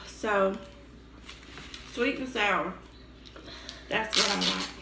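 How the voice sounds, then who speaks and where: A woman hosting a casual mukbang chat at home, relaxed and laughing often as she talks between bites. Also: medium pitch, drawn-out words. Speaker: vlog host and mother. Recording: echoey room with faint background noise.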